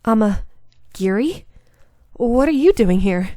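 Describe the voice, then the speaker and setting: A woman's voice: on the high side, expressive, slow pace, mellow, dry recording, clean studio sound. A woman voicing an earnest young heroine who speaks with anxious urgency. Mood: urgent.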